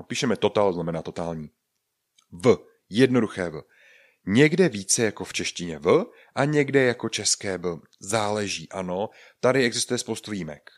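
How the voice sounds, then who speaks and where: Low-voiced Czech man teaching pronunciation. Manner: explains patiently, repeats and spells out words, light jokes. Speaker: Spanish language teacher. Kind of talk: podcast pronunciation lesson.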